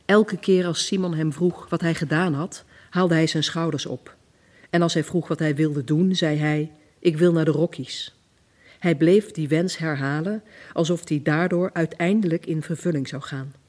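A woman's voice: sits low, fairly even intonation, a little mellow. A woman author, a native Dutch speaker from the Netherlands, answering thoughtfully and reading from her own novel. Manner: slow, thoughtful, searching for words. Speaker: author, guest.

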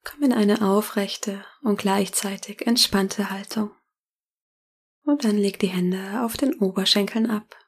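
A woman guides a meditation in a soft, breathy near-whisper, slowly and calmly with long pauses. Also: mid-range voice. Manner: slow, calming, long pauses between phrases. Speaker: meditation guide and podcast host.

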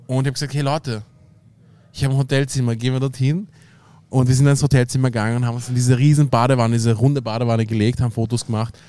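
A man's voice: mid-range voice, little pitch movement, fast talker, warm tone. Slangy Austrian man telling a story. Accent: Austrian German. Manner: rambling anecdote full of slang and fillers. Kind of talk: casual chat.

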